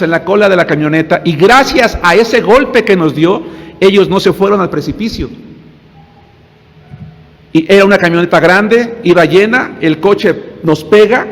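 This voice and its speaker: A male pastor, preaching a sermon and telling a story, often calling out to his listeners and repeating words as he searches for them. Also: high-pitched. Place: church sanctuary. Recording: long hall reverb.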